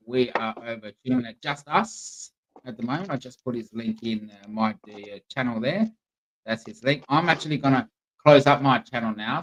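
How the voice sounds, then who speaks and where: A man's voice: medium pitch, a bit bright, rough recording. A man hosting a livestream in a casual, chatty style. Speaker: livestream channel host. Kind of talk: casual chat. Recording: faint background noise on livestream.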